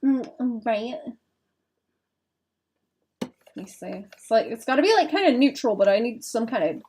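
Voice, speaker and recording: A woman's voice: fairly high pitch, big pitch swings, measured pace, a little mellow, slight background noise. Chatty woman thinking aloud. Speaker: illustrator streaming live. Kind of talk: casual live-stream chat while drawing.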